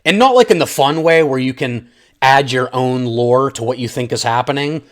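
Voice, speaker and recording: With a medium-pitched voice at a moderate pace, this man chats off the cuff in a video review for his channel. He's conversational and opinionated, using informal slang and addressing his audience as "guys."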